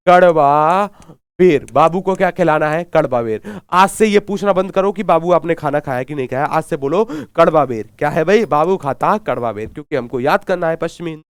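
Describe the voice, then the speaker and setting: A man teaches a live online Hindi exam class in a high, smooth voice, recorded dry. He drills answers by asking questions, repeating responses and calling back, and urges viewers to comment.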